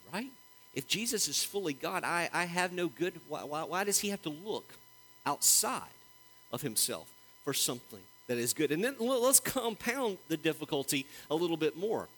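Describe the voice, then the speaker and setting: A man preaching a sermon as pastor, reading scripture slowly and with emphasis, animated throughout. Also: on the high side, slightly rough, low-quality recording.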